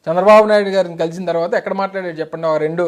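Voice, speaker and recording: Fast-talking middle-aged guy, high voice, pushing back hard as party spokesman in a heated interview. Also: fairly even intonation. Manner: emphatic, insistent, rapid Telugu-English mix.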